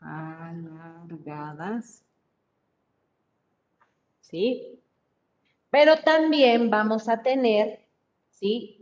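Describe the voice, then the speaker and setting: Slow, patient female biology teacher. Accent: Mexican Spanish. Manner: slow, explaining step by step, frequent checking "¿sí?". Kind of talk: online class lecture. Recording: muffled lo-fi mic with faint rumble.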